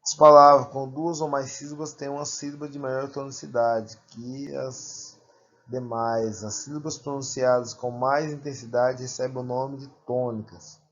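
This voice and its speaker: A male teacher giving a grammar lesson, repeating and drawing out example words slowly and deliberately. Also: medium pitch, dull audio.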